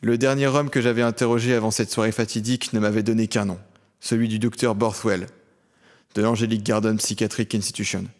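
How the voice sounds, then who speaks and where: In an audio drama, a man voices a tormented criminal narrating his own life in solemn, literary language. His pitch is fairly low and level, his pace fairly quick, and the acting is light, leaving a brooding mood across the scripted narration and dialogue.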